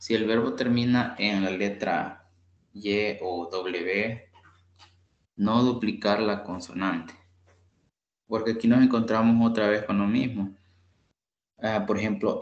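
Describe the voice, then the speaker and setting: A man giving a patient bilingual grammar lesson as an English tutor, repeating example words slowly. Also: lowish voice, reverberant, highs cut off.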